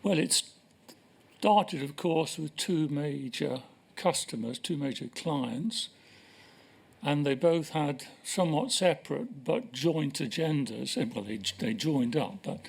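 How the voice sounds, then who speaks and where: Older male witness, gravelly and a touch high, slow measured answers with pauses. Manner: measured, hesitant, with many pauses. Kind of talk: formal testimony. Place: inquiry hearing room.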